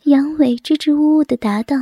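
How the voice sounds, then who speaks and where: A woman narrating a story in a soft, breathy whisper. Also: sits high, moderate pace, dry recording.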